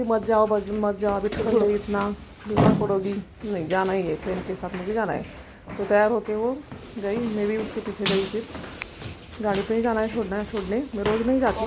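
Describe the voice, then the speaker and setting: A woman's voice: medium pitch, darkish tone. A woman in her thirties, a mother, narrating her family vlog in a homely, rambling way with fillers and restarts. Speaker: vlogger and mother. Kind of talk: casual narration over home video.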